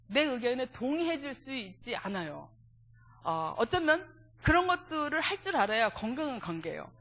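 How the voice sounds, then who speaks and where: A woman leading a church family seminar, speaking with animation and checking in with the congregation with direct questions. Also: fairly high pitch. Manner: animated, acts out everyday dialogues.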